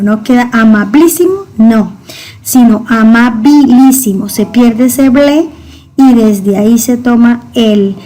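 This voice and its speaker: A woman's voice: fairly high pitch, warm tone. A woman teaching a grammar lesson, speaking to her students directly and patiently repeating the key words.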